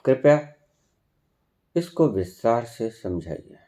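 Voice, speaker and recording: A man delivers a sermon at an unhurried pace. His pitch swings widely, climbing on emphatic phrases before settling back down as he explains. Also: very animated, dark tone, lo-fi sound. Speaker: spiritual teacher.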